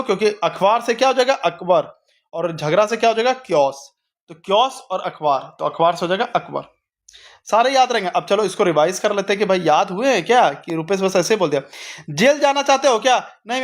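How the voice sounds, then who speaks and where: A young man teaching an exam-prep lesson with memory tricks, asking rhetorical questions and repeating each answer. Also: high-pitched. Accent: Hindi-speaking north Indian.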